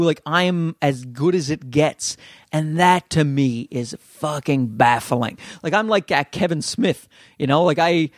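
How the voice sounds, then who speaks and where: A podcast host and amateur comedian with a Newfoundland accent rants casually on his solo show, rambling, self-deprecating, and swearing. His voice is a little high, recorded at studio quality with no room sound.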